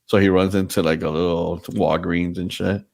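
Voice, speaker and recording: A man's voice: deep voice, normal speed, creaky. A man hosting a casual podcast, swearing freely and acting out the voices in his stories. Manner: profane, animated storyteller acting out quoted voices. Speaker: podcast host.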